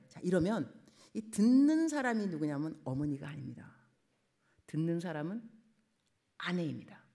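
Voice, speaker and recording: A middle-aged woman missionary preaching a sermon in a church, acting out quoted family talk in lively voices. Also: on the low side, creaky. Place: church sanctuary.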